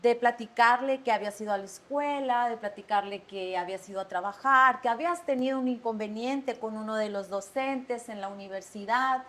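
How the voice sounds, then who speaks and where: A woman hosting a podcast, asking questions in a soft, earnest, encouraging way. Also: a little high, fairly quick, hardly any pauses. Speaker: podcast host. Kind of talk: gentle, empathetic interview.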